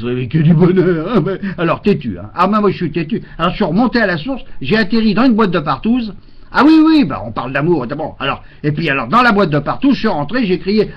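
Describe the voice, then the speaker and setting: A man doing a rambling, exasperated comic monologue into a webcam at home, full of fillers and mock rants. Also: fairly high pitch. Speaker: comedian. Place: home, indoors. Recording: dull lo-fi webcam audio.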